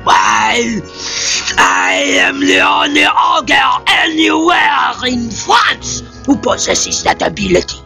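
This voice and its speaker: A woman's voice: high voice, huge pitch swings, takes it slowly, shouting, over music, voice pushed up, exaggerated voice. A woman voicing a boastful, short-tempered male ogre in a storybook reading, bellowing his lines. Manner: bellowing, gravelly.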